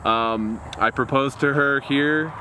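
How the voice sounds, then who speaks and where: A man's voice: mid-range voice, slow. A man from El Paso, rambling and chatty with many fillers, talking outdoors by a park sign. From El Paso, Texas. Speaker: guest met on the road. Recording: outdoor noise behind.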